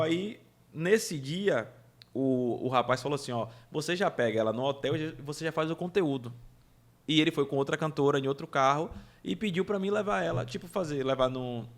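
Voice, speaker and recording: A man chats as a podcast guest, spinning anecdotes with energy and frequent laughter. His voice sits a bit high for a man. He tells the stories in a relaxed, conversational way. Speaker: podcast guest, event producer. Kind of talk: casual storytelling chat.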